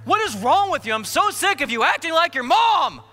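A man's voice: very high-pitched, animated, a little fast, sharp tone, pitched above the performer's own voice, exaggerated voice. An American man voicing an indignant, whiny, exasperated grumbler as a comic aside in a sermon. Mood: exasperated anger. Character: grumbling, exasperated man who snaps at everyone. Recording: long hall reverb, music underneath.

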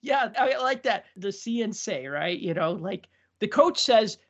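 Unhurried and animated, a podcast host with a fairly bright voice that sits high spins stories with enthusiasm in a casual chat and laughs at them himself. The recording sounds dull and lo-fi.

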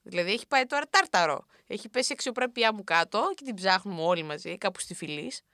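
A young woman hosting a show, telling a funny self-mocking story about a night out in a lively, animated way. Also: mid-range voice, dry recording, clean studio sound. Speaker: radio host. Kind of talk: comic storytelling monologue.

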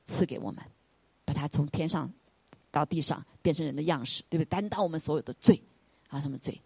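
A woman preaching an earnest, gentle sermon. She keeps asking the congregation rhetorical questions and often tags her points with the English word "right". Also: low voice, quick pace, gravelly, breathy edge, dry recording. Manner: earnest, gentle, pastoral delivery.

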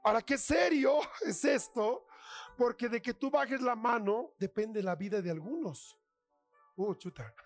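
Hombre predicando con voces actuadas. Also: male voice, very high voice, measured pace, soft background music. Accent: Chilean Spanish. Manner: dramatic, acts out tempting voices, drops to hushed whispers. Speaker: preacher. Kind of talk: sermon.

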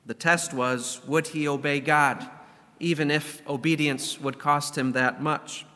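A man preaching as a pastor, his voice congested and stuffy from a cold, speaking in a measured, earnest way. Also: fairly high pitch, fairly even intonation, bright, forceful tone. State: getting over a cold. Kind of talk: sermon with prayer and scripture reading. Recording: long hall reverb.

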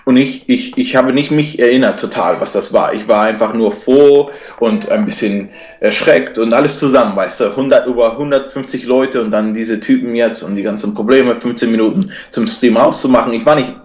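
A man's voice: medium pitch, normal speed, few pauses. A man telling a personal story in German, sprinkling in English words and restarting his sentences often. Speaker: guest. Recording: echoey room.

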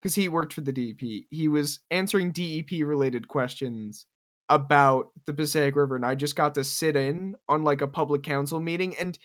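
A man's voice: fairly high pitch, normal speed, fairly bright tone. A young man from New Jersey, a podcast co-host telling rambling anecdotes in casual chat. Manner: storytelling, puts on voices in anecdotes.

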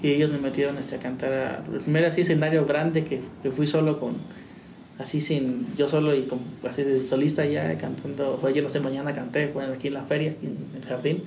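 A man's voice: medium pitch, level tone, fairly quick, gravelly. A young man, a musician, telling his story in a rambling, casual way with restarts and laughs. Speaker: musician guest. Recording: roomy, distant, faint noise.

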